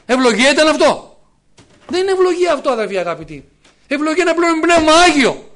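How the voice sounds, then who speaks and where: A man's voice: very high voice, big pitch swings, fairly bright tone. A man in his fifties preaching a sermon, emphatic and full of rhetorical questions to the congregation. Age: 50s.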